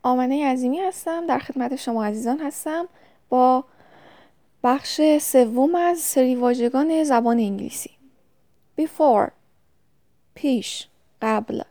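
A woman teaching English vocabulary, saying each word, giving its meaning and spelling it out letter by letter in a calm, measured way. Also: sits high, no echo, studio quality. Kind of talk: slow vocabulary drill, spelling words letter by letter.

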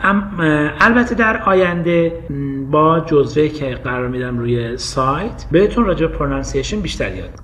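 A man's voice: fairly high pitch, lively intonation, few pauses, a bit bright, slight background noise. Male english teacher w/ persian accent, explaining grammar, voice goes all over the place.

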